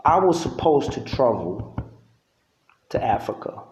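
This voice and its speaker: A man's voice: medium pitch, sing-song, unhurried, darkish tone, echoey room, highs cut off. A middle-aged man from Uganda, raised in the US, talking in a loose, conversational monologue to the camera and often checking in with "you know what I'm saying". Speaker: vlogger.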